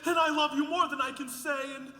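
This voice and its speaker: A man's voice: extremely high pitch, steady tone, a little fast, bright, forceful tone, a little hiss or hum, heavily acted. A man playing a flustered young groom in a stage musical, with a brash, exclaiming comic manner. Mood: earnest. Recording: echoey hall with music, from afar.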